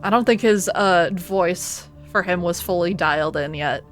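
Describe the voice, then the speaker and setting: A woman streaming a video game, reading out story text and commenting on it in an expressive, theatrical way. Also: fairly low pitch, measured pace. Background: music.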